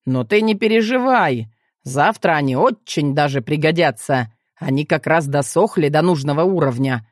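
A woman voicing a blunt, cheerful young male athlete who teases in a deadpan, rough way. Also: low voice, normal speed, dry recording, studio quality. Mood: teasing.

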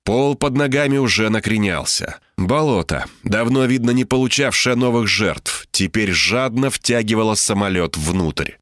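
A man's voice: on the low side, moderate pace, hardly any pauses, fairly bright tone, no echo, studio quality. A man narrating a tense first-person story in an audiobook style.

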